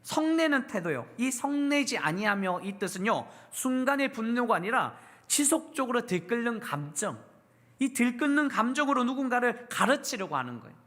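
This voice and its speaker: A woman's voice: a little high, very animated, normal speed, a bit bright. A woman pastor preaching a sermon at a church service, asking the congregation questions and having them repeat lines back.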